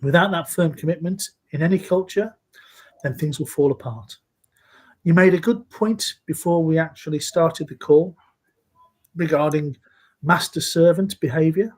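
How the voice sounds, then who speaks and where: Appearing on a live video-call interview, this guest, a safety leader from Scotland in his sixties, answers in an earnest, measured manner. His pitch is fairly high.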